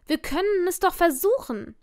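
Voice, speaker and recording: A woman's voice: very high voice, lively intonation, normal speed, darkish tone, voice pushed up. Whiny lovesick young guy, read by a woman. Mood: pleading. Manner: whining, pleading. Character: young man, lovesick ex-boyfriend, pleading. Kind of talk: audiobook character voice.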